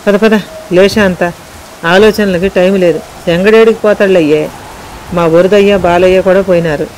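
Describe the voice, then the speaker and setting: A woman's voice: fairly low pitch, fairly even intonation, normal speed, close to an everyday voice, poor audio. Old fisherman village elder hurrying folks out, urgent, woman narrator puts him on, light hiss. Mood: urging. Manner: urgent shouting.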